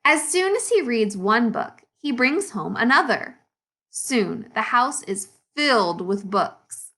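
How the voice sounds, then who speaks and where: As an elementary school teacher, a woman with a fairly high voice reads a picture book to young pupils, her pitch rising and falling in a very lively way. She goes slowly, stopping in an instructive manner to explain or ask questions.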